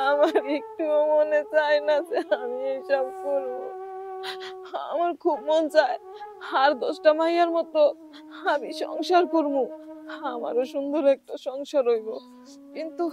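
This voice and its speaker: A woman's voice: high voice, highs cut off. A tearful young village woman. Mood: sorrowful. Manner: tearful, pleading. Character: poor young village woman, sorrowful and tender. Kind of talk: TV drama acting.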